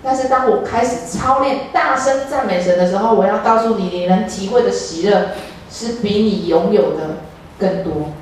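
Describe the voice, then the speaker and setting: A woman's voice: medium pitch, normal speed. Earnest Taiwanese woman preaching in an echoey church. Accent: Taiwanese Mandarin. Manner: earnest, encouraging, addresses congregation. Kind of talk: sermon. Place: church sanctuary. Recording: echoey church hall, distant mic, faint noise.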